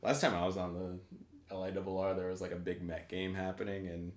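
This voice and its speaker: A relaxed man, chatting casually and laughing often. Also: low voice, a little fast. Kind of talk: casual chat. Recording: echoey room.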